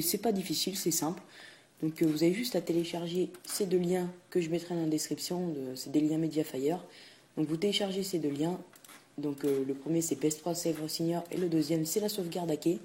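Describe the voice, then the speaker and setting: A man's voice: a little high, mellow. Hesitant man explaining a tutorial. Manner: hesitant, many fillers and restarts; says "tac" at each click. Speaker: video game tutorial host. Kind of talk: casual screen-recording tutorial.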